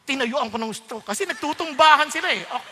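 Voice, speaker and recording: A man preaching a sermon, telling his own story in an animated way and acting out what others said. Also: very high-pitched, fast, long reverb tail, slight background noise. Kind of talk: sermon testimony.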